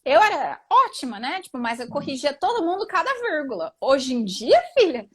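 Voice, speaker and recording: A woman's voice: high-pitched, very animated, normal speed, fairly bright tone. A woman in her thirties, co-hosting a live stream in casual chat, talking in a chatty, emphatic way. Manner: chatty, emphatic, says "tipo" and "entendeu" a lot.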